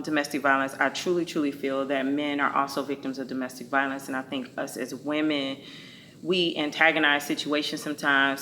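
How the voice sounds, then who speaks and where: Low voiced talk show lady, playful and outspoken, a bit of background hiss. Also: pushed and bright. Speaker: host. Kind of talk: casual talk show chat.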